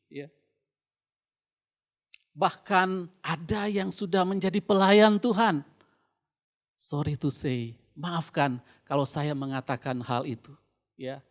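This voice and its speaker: An Indonesian man preaching a sermon through a face mask, slightly muffled, deliberate, pausing and repeating phrases for emphasis. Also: on the high side.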